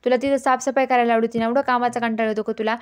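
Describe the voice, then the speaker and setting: A woman's voice: a little high, steady tone, very fast, smooth, lightly acted. A woman voicing a stern old grandfather. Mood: scolding. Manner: scolding, commanding.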